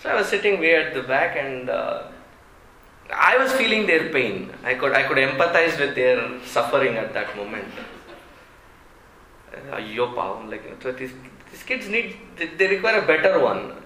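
A man with a South Indian accent telling an anecdote to an audience in an expressive, amused way with deliberate pauses. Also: fairly high pitch. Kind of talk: animated storytelling talk. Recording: roomy echo, faint background noise.

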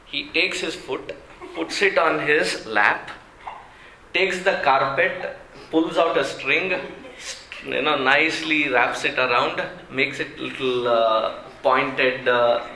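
A man with a South Indian accent telling an anecdote to an audience in an expressive, amused way with deliberate pauses. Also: a little high. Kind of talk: animated storytelling talk. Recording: roomy echo, faint background noise.

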